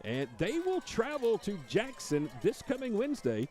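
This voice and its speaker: A man calling high school football play-by-play, rising to shouts on big plays. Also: huge pitch swings, moderate pace, soft background music. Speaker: play-by-play announcer.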